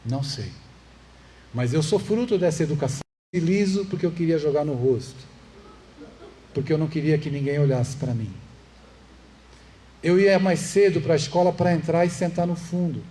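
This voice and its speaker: A Brazilian-accented man gives a public lecture in a spiritist center's hall. His voice sits a little high for a man. He keeps the talk conversational, poses rhetorical questions to listeners, and adds jokes now and then, with faint room noise underneath. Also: normal speed, long pauses, dark tone. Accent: Brazilian Portuguese. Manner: conversational, asks the audience rhetorical questions, jokes to lighten a heavy subject. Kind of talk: public lecture to a live audience.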